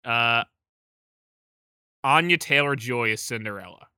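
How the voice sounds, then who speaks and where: A man's voice: medium pitch, a little slow, pushed and bright, clean tone, no echo, studio quality. A man co-hosting a podcast in casual chat, joking, laughing often and swearing freely. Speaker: podcast co-host.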